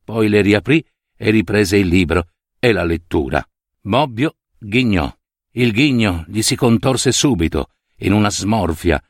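A man reads a short story aloud in an expressive, theatrical style. His pitch rises and falls a lot, and the recording is dry and close with little room sound. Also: no room sound. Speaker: narrator. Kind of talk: dramatic reading of a short story.

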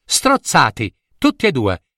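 A man's voice: medium pitch, huge pitch swings, unhurried, sharp tone, no echo, clean studio sound, heavily acted. A man voicing a palace jailer who reports to the king earnestly.

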